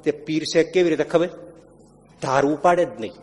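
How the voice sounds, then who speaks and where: A man giving a devotional sermon, telling stories animatedly and acting out the characters' lines with sudden loud and hushed swings. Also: fairly high pitch, steady tone, normal speed. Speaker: religious storyteller. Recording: long hall reverb.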